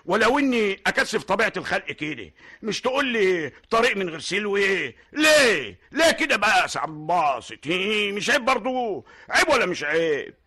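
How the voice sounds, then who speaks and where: A blustering Egyptian hajj. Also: male voice, high-pitched, very animated, breathy edge, heavily acted. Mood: offended blustering. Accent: Egyptian Arabic. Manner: loud, blustering, quick to take offence. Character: blustering older male hajj, proud touchy host. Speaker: radio drama actor. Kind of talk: 1960s Egyptian radio drama acting.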